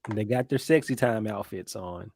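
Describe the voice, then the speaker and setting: A man from the American South with a Southern accent, co-hosting a podcast and recapping scenes in a relaxed, casual way. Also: on the low side, normal speed, vocal fry, no room sound. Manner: laid-back storytelling, recaps scenes with quoted lines. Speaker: podcast co-host. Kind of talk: casual chat.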